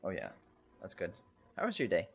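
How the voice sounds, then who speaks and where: A man's voice: deep voice, huge pitch swings, a little fast, creaky. A young man from Bulgaria, co-hosting a casual podcast chat in a hesitant, rambling way full of fillers. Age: young adult. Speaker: podcast co-host. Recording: dull lo-fi sound.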